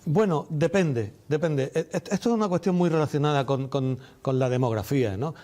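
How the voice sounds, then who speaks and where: A man giving measured, didactic interview answers, repeating key phrases for emphasis. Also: fairly high pitch, dark tone. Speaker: doctor and medical representative being interviewed.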